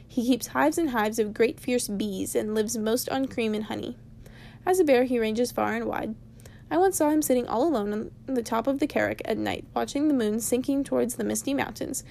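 A woman's voice: a little high, vocal fry, darkish tone. A woman reading aloud as a cross, lecturing old male wizard from a storybook, in a voice close to her own. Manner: stern, lecturing.

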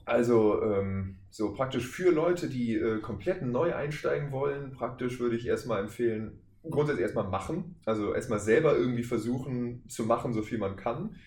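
Joking at his own expense, a voice actor from Wuppertal, Germany, in his twenties, chats casually as an interview guest on a podcast, indoors alongside the hosts. His mid-range, darkish voice has lively intonation at normal speed with few pauses, and the recording has a roomy echo and faint background noise.

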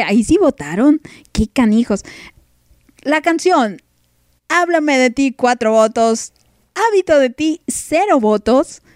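A woman hosts a casual music show, her voice sitting a little high. She teases and mock-scolds her listeners and laughs often. The recording is dry and close, with no room echo. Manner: playful, teasing, laughs often, mock outrage. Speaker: podcast host. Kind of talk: casual music podcast chat.

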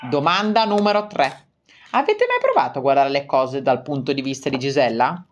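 A woman voicing a wise old male owl in a storybook reading, speaking in a measured, questioning way. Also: very deep voice, big pitch swings, dull audio.

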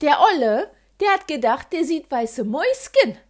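A woman voicing a sharp-tongued mother, mocking her husband in a spoken story. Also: sits high, very animated, normal speed.

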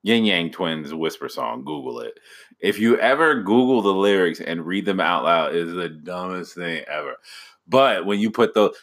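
Goofy joking man with a lively voice. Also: low voice, moderate pace. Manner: goofy, joking, goes off on tangents. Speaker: podcast co-host. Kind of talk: casual podcast chat.

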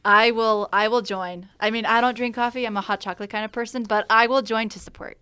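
A woman's voice: fairly high pitch, steady tone, fairly quick, sharp tone, clear, resonant tone, no room sound. A college-aged woman in her twenties co-hosting a casual chat, easygoing and giggly, with lots of "like.". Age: 20s. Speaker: student co-host.

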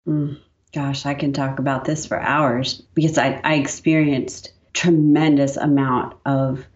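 Low-voiced woman guest, dull sound. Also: measured pace. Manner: earnest, expressive, reflective. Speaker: podcast guest, author and speaker. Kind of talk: casual faith conversation.

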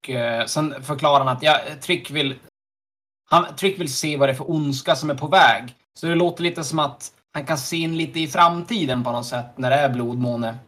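A man in casual recap chat, relaxed, laughing often and pausing on fillers. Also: a little high. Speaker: podcast co-host.

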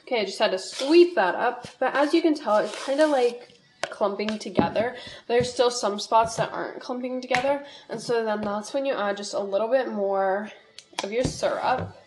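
A young woman hosting a podcast rambles through a recipe at home in her kitchen, chatty and quick to poke fun at herself. Her voice is fairly high and her speed normal, with noise in the background.

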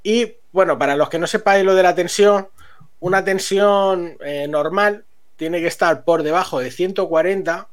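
A man tells a story to friends on a stream. He is animated and laughs often as the tale unfolds. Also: high-pitched, normal speed.

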